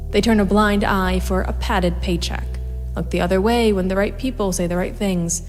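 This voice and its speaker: Narrating a noir audio drama, an actress voices a grim, vengeful female private investigator in a hardboiled, deliberate, brooding way. Her mid-range voice holds a steady tone with light acting, and faint music plays behind her.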